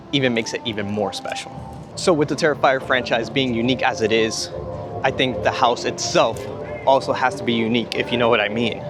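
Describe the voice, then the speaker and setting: A young man vlogging outdoors at a theme park, rambling with enthusiasm, repeating himself and a bit out of breath. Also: mid-range voice. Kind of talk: casual rambling vlog talk. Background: music from nearby.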